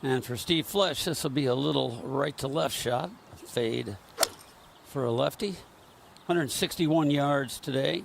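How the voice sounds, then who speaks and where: A man's voice: unhurried, vocal fry. A man giving live golf tournament commentary, describing shots and greens analytically in short phrases. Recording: noisy outdoor broadcast with ambient rumble.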